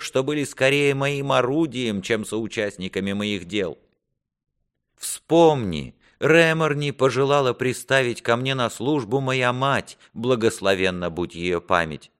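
A man's voice: medium pitch, expressive, a little slow, fairly bright tone, clean tone, pitched above the performer's own voice. A man voicing a repentant young prince who earnestly begs his father for mercy. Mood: pleading. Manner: earnest, imploring. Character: repentant young male prince, pleading son.

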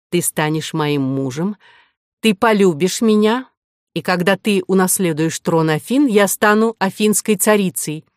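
A woman's voice: fairly low pitch, darkish tone, dry recording, studio quality, lightly acted. A woman voicing a proud, imperious young princess in an audiobook, speaking in a commanding, indignant, emphatic way. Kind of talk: audiobook character voice.

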